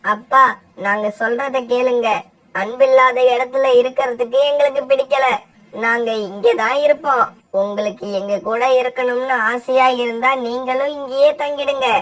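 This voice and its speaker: A woman's voice: high-pitched, steady tone, moderate pace, recorded from a distance, natural voice, poor audio. A woman voicing a stubborn eldest son crow in a cartoon, firm and defiant. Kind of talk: cartoon voice acting.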